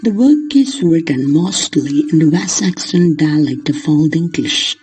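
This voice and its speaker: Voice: mid-range voice, expressive, a little slow, darkish tone, slightly rough, soft background music. A lecturer explaining literature in the manner of a lesson, glossing terms in simple words along the way.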